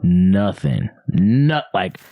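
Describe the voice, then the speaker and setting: A young man hosting a podcast, telling a comedy-club story in a loud, animated way and laughing often. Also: on the low side, extremely slow, gravelly, phone-quality sound. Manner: animated, laughing, acts out voices in stories. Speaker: podcast host. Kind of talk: casual storytelling chat.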